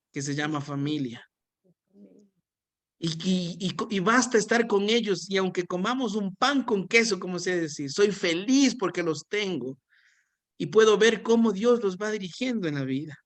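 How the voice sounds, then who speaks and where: A man, preaching a sermon in a church and telling a personal story with emotional, pleading delivery. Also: high voice. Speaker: pastor.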